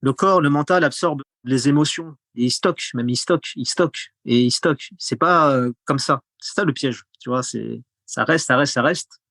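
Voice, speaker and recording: A man's voice: medium pitch, normal speed, creaky, fairly bright tone, no room sound, clean studio sound. A man guest on a podcast, talking casually and rambling, with many fillers and repeated words. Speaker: podcast guest, content creator. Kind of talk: casual conversational interview.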